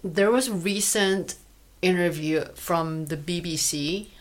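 Chatty woman, lowish voice. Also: slow. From South Korea. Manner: chatty, many "like" fillers. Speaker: podcast co-host. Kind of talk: casual chat.

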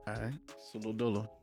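A young man from New England, a guest rapper talking casually in a small studio and freestyling with a loud, punchy delivery. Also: on the low side. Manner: laid-back, loud and punchy when rapping. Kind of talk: casual podcast chat and freestyle.

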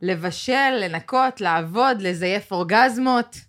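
A woman's voice: medium pitch, fairly bright tone. A woman with an Israeli accent hosting a casual group guessing game with friendly back-and-forth banter. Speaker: host of a quote-guessing game.

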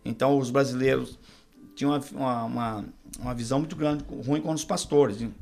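A middle-aged Brazilian man, a pastor and podcast guest, telling his testimony in a relaxed conversation and acting out the dialogue he quotes. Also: mid-range voice, a little fast, creaky. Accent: Brazilian Portuguese. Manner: storyteller who acts out quoted dialogue. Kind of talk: testimony told in a casual interview.

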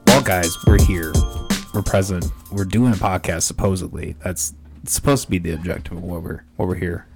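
Laid-back young man, deep voice. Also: steady tone, moderate pace, vocal fry, music in the background. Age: 20s. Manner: loose, profane and giggly. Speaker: podcast host. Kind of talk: casual chat.

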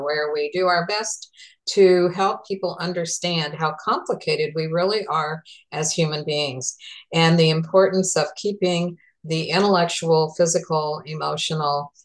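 A woman who is both a therapist and talk show host chats unhurriedly, dropping frequent ums while plugging sponsors and introducing her guest. Her voice is lowish and steady, captured in a low-quality recording.

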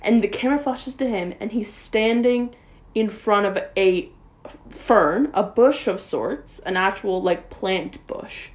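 A woman's voice: mid-range voice, takes it slowly, dull audio. A young adult woman in a casual comedic rant, sarcastic and rambling, full of "like" and "um". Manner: sarcastic, rambling, heavy on fillers.

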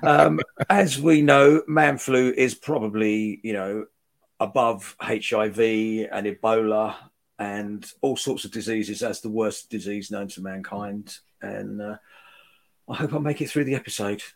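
A man's voice: fairly low pitch, a little slow, gravelly. A British man hosting a podcast in casual chat, droll and mock-stoic while under the weather with a cold. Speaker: podcast host.

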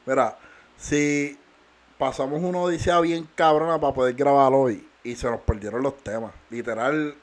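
A man's voice: mid-range voice, fairly even intonation, normal speed. Guy, mid voice, laughs and cusses, loose podcast chat. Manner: laughing, swearing, rambling. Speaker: podcast co-host. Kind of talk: casual banter.

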